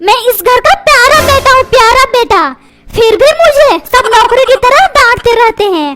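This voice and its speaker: A woman's voice: extremely high pitch, lively intonation, moderate pace. A woman voicing a cheeky, whiny young schoolboy son in a cartoon. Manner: cheeky, whiny, repeats words for effect. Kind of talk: cartoon comedy voice acting. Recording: loud background noise.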